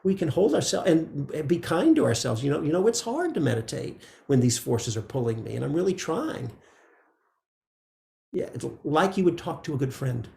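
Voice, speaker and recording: A man teaching meditation in a relaxed, conversational dharma talk, often checking in with "right?". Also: fairly high pitch, moderate pace, creaky, roomy sound. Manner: gentle, conversational, frequent "right?" asides.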